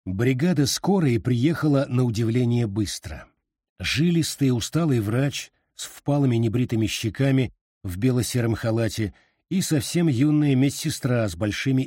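A man reading a story aloud in a steady, even narration. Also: mid-range voice, husky, dry recording, studio quality. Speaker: audiobook narrator. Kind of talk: scripted narration.

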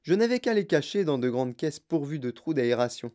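A reader voicing an eccentric grown man who owns a chocolate factory, telling his tale in an animated way. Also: medium pitch, brisk, close to an everyday voice. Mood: enthusiastic. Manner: animated storytelling.

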